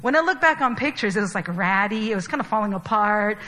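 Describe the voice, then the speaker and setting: A woman's voice: mid-range voice, expressive, fast talker, bright, forceful tone, poor audio. A young adult woman from Chile giving a sermon in a casual, chatty way, with many fillers. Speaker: preacher.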